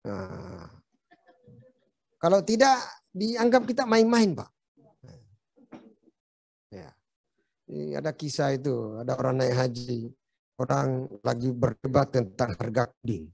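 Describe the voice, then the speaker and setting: Gravelly-voiced man giving a joking seminar talk. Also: medium pitch, expressive, slow pace, long pauses, a little mellow, dry recording, clean studio sound. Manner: joking, chatty, often turns to the audience as "Pak". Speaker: seminar speaker. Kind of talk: seminar lecture. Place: hotel seminar room.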